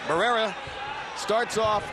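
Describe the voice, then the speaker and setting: A man calls a fight from ringside. His voice sits high and he speaks in analytical, measured phrases. Very loud arena noise surrounds him throughout the broadcast. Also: steady tone. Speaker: boxing play-by-play commentator. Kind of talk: live sports commentary.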